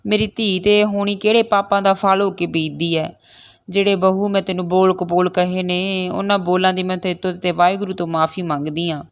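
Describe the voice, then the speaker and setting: Woman reading a weepy village mom, high and pleading. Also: normal speed, smooth, natural voice. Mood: tearful. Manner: pleading, tearful. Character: middle-aged Punjabi village mother, grieving for daughter.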